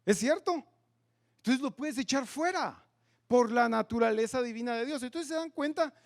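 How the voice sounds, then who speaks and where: A man preaching a sermon in a church, asking the congregation many questions and swinging between loud emphatic lines and quiet asides. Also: very high voice, normal speed, gravelly. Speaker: pastor. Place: church sanctuary.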